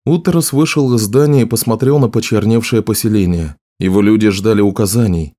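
Male audiobook narrator, lowish, steady, even. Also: brisk. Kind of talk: scripted narration.

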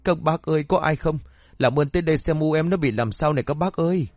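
A man voicing a dutiful young village woman, a daughter and mother, in a spoken horror story, with a pleading, high-strung delivery. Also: lively intonation, moderate pace, darkish tone, no echo, studio quality, close to an everyday voice. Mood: wailing.

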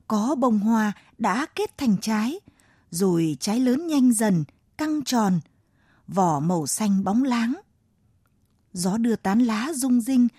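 A woman narrating a children's story in a gentle, dramatic way. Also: fairly high pitch, slightly rough, no echo. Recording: dry close mic, faint music behind.

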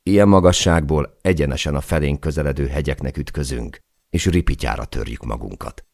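Deep, gravelly male narrator for a dramatic adventure audiobook, close dry studio mic. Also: no room sound. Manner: dramatic reading, shouting out the quoted cries.

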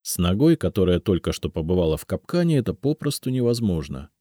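A man reading a first-person audiobook in a measured storytelling manner. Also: low voice, big pitch swings, warm tone, no room sound, studio quality. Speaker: audiobook narrator. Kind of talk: scripted first-person narration.

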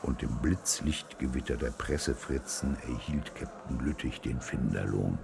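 A man reading a children's story aloud with expressive storytelling. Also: a bass voice, a little slow, vocal fry. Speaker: audiobook reader.

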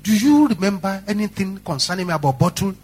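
A man voicing a worried married daughter who pleads softly with her father. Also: high voice, lively intonation, quick pace, breathy edge. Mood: pleading.

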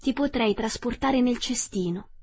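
A woman voicing a polite, gentle little girl. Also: fairly high pitch, normal speed, breathy edge, voice pushed up. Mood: kind.

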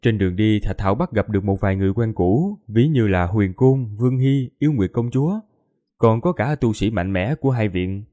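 Male audiobook narrator, warm dark tone, steady storytelling. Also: on the low side, fairly quick.

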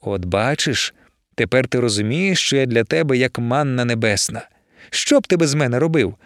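A man's voice: mid-range voice, lively intonation, moderate pace, fairly bright tone, no room sound, clean studio sound, lightly acted. A man voicing a feisty, scolding female dwarf in an audiobook. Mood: teasing. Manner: shrieking, scolding.

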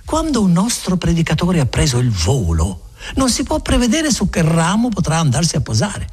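Man doing a kindly friar, garrulous, self-assured, lively pitch, husky. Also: moderate pace, heavily acted. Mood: rambling. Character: chatty, kindly male friar, rambling.

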